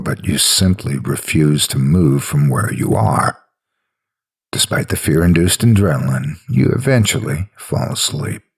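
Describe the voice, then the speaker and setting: A man narrating a scary story in a dramatic, suspenseful style, with a low, haunting, gravelly and husky voice.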